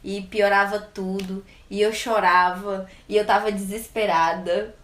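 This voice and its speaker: A woman's voice: medium pitch, fairly even intonation, measured pace, roomy sound. A young Brazilian woman in her twenties, recounting a personal experience in an interview with frequent laughter. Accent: Brazilian Portuguese. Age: 20s. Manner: laughs often while telling, acts out quoted voices. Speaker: interview guest. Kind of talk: casual personal storytelling.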